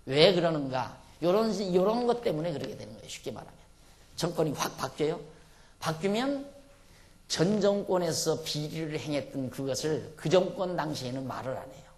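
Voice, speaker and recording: A male pastor giving an expository Bible sermon, reading scripture slowly and with emphasis, then explaining in blunt, colloquial asides. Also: a little high, lively intonation.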